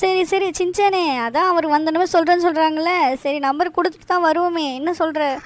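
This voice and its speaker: A woman's voice: very high voice, steady tone, brisk. A woman voicing a patient young man who soothes and coaxes his crying friend in a fan game dub. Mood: calm. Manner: soothing, coaxing. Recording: dry close recording.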